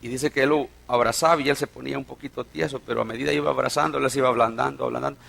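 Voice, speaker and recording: Gravelly preacher. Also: male voice, medium pitch, fairly even intonation, rapid-fire. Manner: storytelling preacher, swings from loud to hushed. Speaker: pastor. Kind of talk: sermon.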